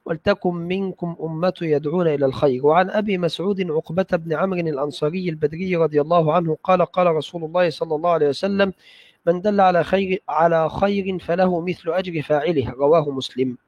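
A man with a somewhat high voice reads classical religious texts aloud, steady and careful. The sound is dull and lo-fi, with a dry, close feel. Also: no echo. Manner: measured, careful recitation with brief checks of the text. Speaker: student reading hadith texts aloud. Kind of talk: classical text recitation in a study session.

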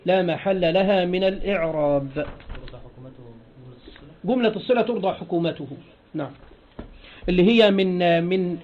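A man's voice: sits high, moderate pace, long pauses. A man with an Egyptian accent teaching a classroom grammar lesson, repeating phrases and prompting his students with questions. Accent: Egyptian Arabic. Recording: dull lo-fi classroom recording.

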